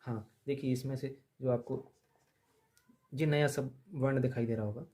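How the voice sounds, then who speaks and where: A man teaching a grammar lesson, drilling letters aloud and repeating them slowly for the class. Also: medium pitch, fairly even intonation, warm tone.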